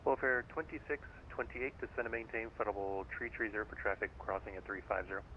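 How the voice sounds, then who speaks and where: A man working as an air traffic controller, giving rapid, clipped instructions in radio phraseology. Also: lowish voice, steady tone, dull audio.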